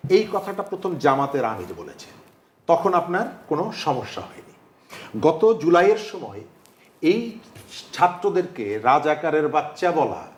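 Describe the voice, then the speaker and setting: Male panel guest, slightly high voice, calm and pointed, echoey studio sound. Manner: measured, pointed, rhetorical questions. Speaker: talk show guest. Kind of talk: political debate.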